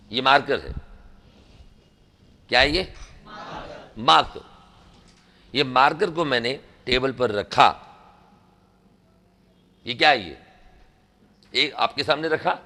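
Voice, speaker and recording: Bright-voiced Indian male English teacher. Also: medium pitch. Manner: animated, quizzing students, praising answers. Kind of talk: classroom lesson. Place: classroom.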